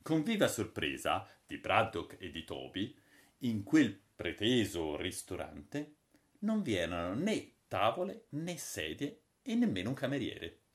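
A man reading a novel aloud in a measured, expressive way. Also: fairly low pitch. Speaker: audiobook narrator. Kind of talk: storybook reading. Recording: roomy echo.

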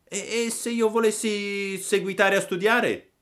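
A man's voice: sits high, fairly even intonation, unhurried, fairly bright tone, voice pushed up. Man doing a cheeky wooden puppet boy. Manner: mocking, teasing, cocky. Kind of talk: storybook reading.

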